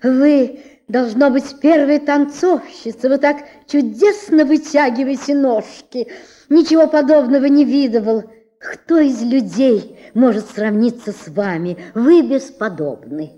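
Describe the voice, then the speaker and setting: Storybook figure: a vain male shirt collar, a boasting dandy who fawns and swaggers, acted by a woman reader. Lively melody, dull lo-fi sound. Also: medium pitch, measured pace. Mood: fawning. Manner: fawning, flowery, boastful.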